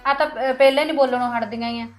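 A woman's voice: high-pitched, steady tone, very fast, faint music behind, natural voice. An actress playing a worried young adult daughter who pleads and warns her mother against a quarrel in a family drama. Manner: pleading, reasoning, warning. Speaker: grown daughter. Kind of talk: rural family drama acting.

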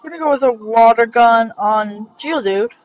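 A woman's voice: a little high, normal speed, slight background noise. Rambling young woman doing gameplay commentary. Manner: rambling, self-correcting, jokey. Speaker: let's play host. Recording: dull lo-fi recording with faint music.

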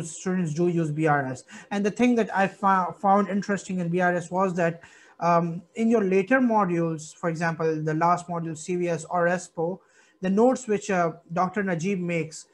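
A young adult man speaks in a noticeably high voice with a Pakistani accent. He is giving an informal online lesson as a student guide, explaining things plainly and punctuating his points with frequent little checks. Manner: repeats "okay" as a check, explanatory. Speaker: medical student giving study guidance.

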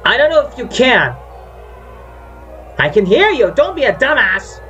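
An excitable man giving casual reaction commentary, his pitch swinging wildly as he blurts out reactions and swears freely. Music plays faintly behind him. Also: unhurried, highs cut off. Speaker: gaming video reactor.

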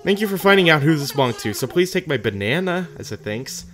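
Cartoon kangaroo villager, read by a gamer, excitable, grateful, raised pitch, exclaiming, game dialogue. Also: fast. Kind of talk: reading video game character dialogue aloud.

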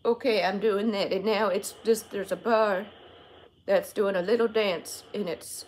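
An old woman played by a younger woman who talks slowly and hesitantly. She is muddled and takes everything literally, as if in a comic prank call. There is clear room noise behind her. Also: medium pitch, steady tone, a little mellow, lightly acted, low-quality recording. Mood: puzzled, literal. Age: young adult. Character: slow, confused, literal-minded old woman. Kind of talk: improvised prank phone call in character. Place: small furnished bedroom.

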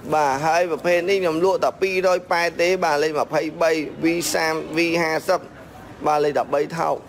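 A Cambodian man who sells phones at a shop runs through one model and price after another in a steady sales patter. His voice is slightly high, and there's a little hiss or hum.

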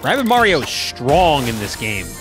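A man riffing over his game playthrough, cracking jokes and dropping into goofy voices for the characters. His pitch swings widely and sits a bit high for a man. Game music plays clearly under his voice. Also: huge pitch swings, normal speed. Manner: joking, voices characters in silly put-on lines. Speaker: gaming YouTuber. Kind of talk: casual let's-play commentary.

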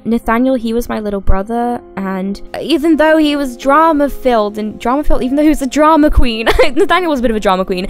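A woman's voice: a little high, fast, few pauses, faint music behind, close to an everyday voice. A woman voicing a grieving young man in her own voice, subdued and rambling.

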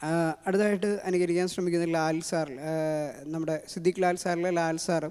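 A man with a Malayali accent introducing his impressions, talking fast with many fillers. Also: sits high, flat delivery, darkish tone, clean tone. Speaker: mimicry artist. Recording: long hall reverb.

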